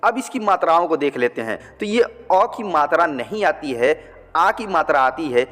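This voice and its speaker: Male teacher, patient and repetitive, fairly high voice, recorded with a long reverb tail. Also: expressive, normal speed, a bit bright. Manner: patient, repetitive, checks with "ठीक". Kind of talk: blackboard language lesson.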